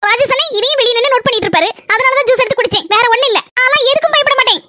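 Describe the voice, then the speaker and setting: A woman voicing a proud, defiant young woman in a cartoon comedy, firing off sharp retorts in Kanyakumari Tamil. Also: very high voice, racing, noisy background.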